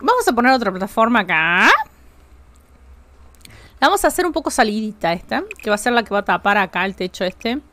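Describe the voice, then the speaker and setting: A woman's voice: on the high side, lively intonation, a little fast, long pauses, fairly bright tone, no echo. A woman with a Rioplatense Spanish accent, chatting casually with her live-stream chat while building in a game, jokey and talkative.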